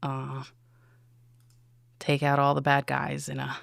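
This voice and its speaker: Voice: mid-range voice, completely flat delivery, takes it slowly, creaky, fairly bright tone, no room sound, clean studio sound. A podcast host with a military background talking casually on their own, rambling and asking many rhetorical questions. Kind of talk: casual solo commentary.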